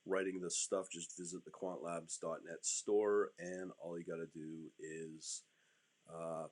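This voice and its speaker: A man with a low-volume voice hosting a live stream, giving casual market commentary in an informal, rambling way. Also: little pitch movement, measured pace, a little mellow. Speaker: host of a live trading stream.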